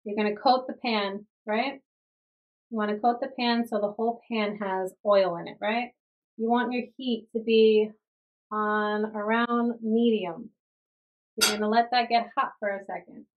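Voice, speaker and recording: A young adult woman, a cooking vlogger, chats enthusiastically with viewers during a casual cooking demonstration in her home kitchen. Her voice sits on the high side, steady and unhurried, with phone-quality sound. A camera on a stand catches her up close while she talks and a bit further back at the stove.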